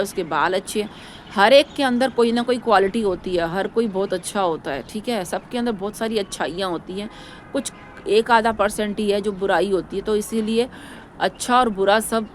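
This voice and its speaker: Rambling woman vlogger with a faint background hum. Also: medium pitch. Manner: rambling, repetitive, preachy. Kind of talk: casual opinion vlog.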